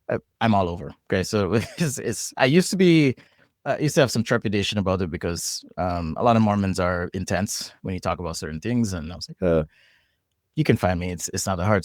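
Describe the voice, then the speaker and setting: Heard in a clean studio recording without room sound, this Jamaican guest on a podcast has a fairly low, darkish voice and a Jamaican accent. He talks casually and reflectively, frequently starting over and repeating words as he works through his thoughts.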